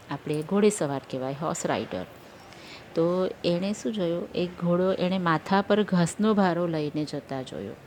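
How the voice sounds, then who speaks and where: A woman teacher with a slightly low voice reads a story to her class. After each part she goes back over it in plain words and explains the harder terms. A faint hiss of background noise sits under the voice. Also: a little mellow. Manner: reads story lines aloud, then re-explains them in simple words with English glosses. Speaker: school teacher.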